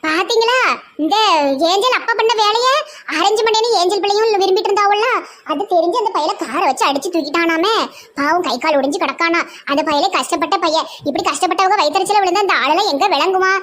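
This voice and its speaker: A very high, bright female voice with a Tirunelveli Tamil accent. She acts in a village comedy skit, dramatic and quick to scold. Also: a little hiss or hum. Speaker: comedy sketch actor.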